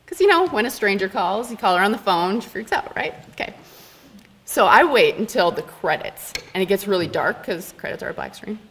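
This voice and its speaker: A young woman telling a funny personal story on stage at a live storytelling event, animated and laughing often. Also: mid-range voice, slight background noise. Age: young adult. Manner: animated, laughing, dramatic pauses. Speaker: student storyteller.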